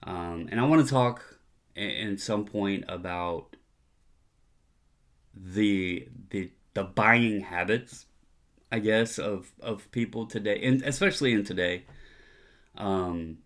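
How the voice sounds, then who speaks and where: A middle-aged man with a fairly low voice speaks as the host of a hobby video. His delivery is a casual, opinionated monologue. He comes across as earnest and emphatic, using everyday colloquial phrasing. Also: slow, pauses often, fairly bright tone.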